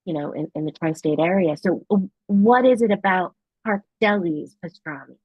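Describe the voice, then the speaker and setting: An eager, chatty deli podcast host, played by a woman talks in a slightly husky voice. The recording sounds dull and dry. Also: on the low side, normal speed, no echo. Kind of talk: improvised comedy podcast.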